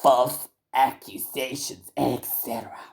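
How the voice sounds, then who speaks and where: In a mocking impression, a man reads an exposé aloud as if he were a woman, using a breathy half-whisper that stumbles over the words. His pitch is medium and his pace slow.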